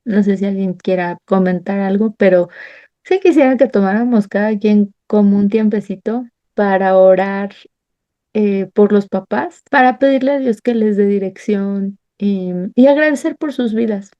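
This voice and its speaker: She leads a Bible study with a Mexican accent, recounting a heartfelt testimony in a warm, storytelling way and performing the conversations she recalls. Her mid-range voice moves at normal speed, and the sound is lo-fi.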